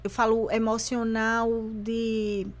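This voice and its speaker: Brazilian woman podcast host, slightly high. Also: completely flat delivery, slow pace. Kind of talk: interview questions.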